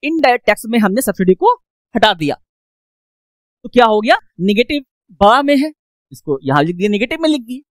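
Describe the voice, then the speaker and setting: Lively woman teaching with questions. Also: fairly high pitch, a little fast, long pauses, no room sound. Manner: asks questions and answers them herself, repeats points; mixes English phrases into Hindi speech. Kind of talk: classroom economics lecture.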